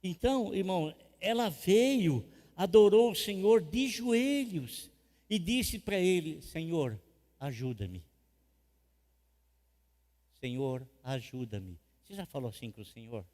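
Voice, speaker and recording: A man with a Brazilian Portuguese accent preaching a sermon as pastor, swinging from loud emphatic lines to quiet asides and repeating phrases for emphasis. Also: high voice, very animated, measured pace. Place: church hall. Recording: long reverb of a church hall.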